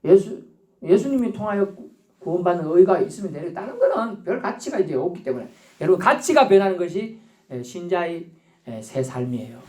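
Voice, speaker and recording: A male pastor delivering a lively church sermon, his pitch climbing and dropping as he plays out small everyday scenes. He laughs now and then and calls for amens from the congregation. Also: brisk. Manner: animated preaching, acts out little scenes with laughter. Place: church sanctuary.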